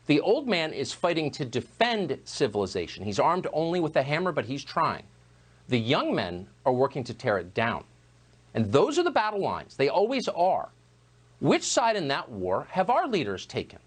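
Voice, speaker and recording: A man delivering a scripted opinion monologue as a news host, measured and emphatic. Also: fairly high pitch, huge pitch swings, breathy edge.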